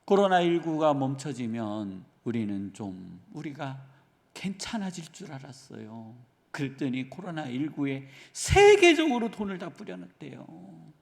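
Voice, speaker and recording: Man, pastor, early-morning sermon, earnest, rhetorical questions, lively intonation, reverberant sanctuary. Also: mid-range voice, a little slow, vocal fry. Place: church sanctuary. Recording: reverberant church hall.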